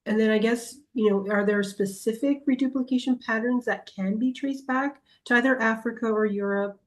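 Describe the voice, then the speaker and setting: A woman's voice: fairly high pitch, fairly even intonation, normal speed, rough recording. Woman host asking questions. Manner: brief backchannels, conversational questions. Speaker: podcast host.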